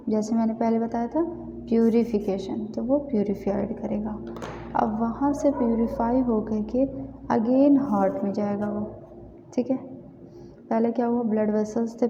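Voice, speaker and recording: Walking through anatomy diagrams in a casual lesson, a woman keeps checking understanding with frequent "theek hai." Her voice is fairly high and level at normal speed, recorded in a roomy, reverberant space that sounds dull with faint hiss.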